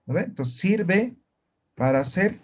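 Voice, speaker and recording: A male teacher leads an online lesson at a slow, careful pace. His voice sits a bit high, and he keeps stopping to ask whether everyone understands. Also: big pitch swings, husky. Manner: slow, patient, keeps checking students understand. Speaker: language teacher. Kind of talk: online class lecture.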